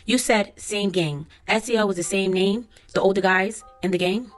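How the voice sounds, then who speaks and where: A woman reads as a trial lawyer working through careful, formal questions. Her pitch stays in the middle range, with a level transcript-reading delivery over faint background music. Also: normal speed, lightly acted. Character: courtroom lawyer questioning a witness. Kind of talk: transcript read-aloud.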